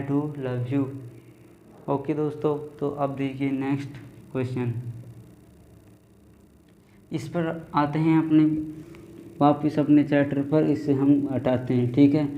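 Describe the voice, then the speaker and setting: A man's voice: mid-range voice, warm tone. A male teacher giving a classroom lecture, who keeps asking rhetorical questions and checking in with "theek hai". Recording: echoey room, dull lo-fi sound, faint noise.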